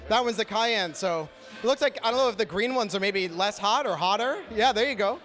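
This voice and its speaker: A man hosting a live gaming tournament on stage with a handheld mic, joking and excitable, with loose, filler-heavy talk. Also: high voice, fairly quick, soft background music. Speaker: event host. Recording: live event with crowd noise. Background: cheering crowd.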